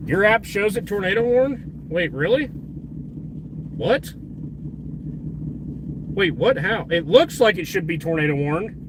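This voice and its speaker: Casual storm-chasing man in very loud wind. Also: high-pitched, big pitch swings, slow pace, pauses often. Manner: informal, exclamatory, mild swearing. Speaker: storm chaser live streamer. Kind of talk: casual unscripted live stream commentary. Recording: loud wind and vehicle noise.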